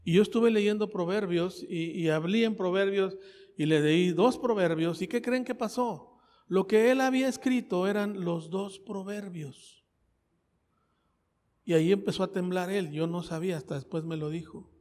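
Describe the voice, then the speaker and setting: With a high, darkish voice and a moderate pace, a Mexican-accented man preaches a sermon that includes his testimony. His style is conversational, with repeated phrases and questions for the listeners, and the church hall reverberates.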